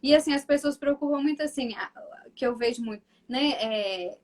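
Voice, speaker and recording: A woman's voice: high voice, moderate pace. A woman from Brazil with a Minas Gerais accent, a mother talking on a live video call, acting out how she talks to her son. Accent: Minas Gerais Portuguese. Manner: animated, acts out talks with her son in a softer voice; frequent restarts and filler asides to viewers. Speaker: mother and guest on a live stream. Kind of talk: casual live-stream chat.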